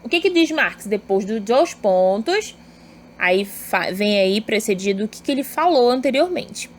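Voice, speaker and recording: A woman's voice: fairly high pitch, animated, measured pace, a little hiss or hum. A woman teaching an online grammar lesson, explaining step by step and often checking in with her students.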